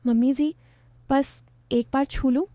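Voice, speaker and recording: A woman voicing an infatuated young son-in-law who speaks in a soft, pleading way. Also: extremely high pitch, steady tone, slow, no room sound.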